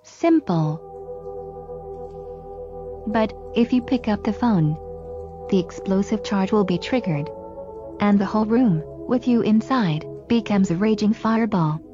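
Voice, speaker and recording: A woman's voice: medium pitch, lively intonation, muffled recording, music in the background, lightly acted. A woman voicing a taunting phone villain. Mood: menacing. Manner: cold, taunting, slow. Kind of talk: story reading. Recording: with loud musical backing.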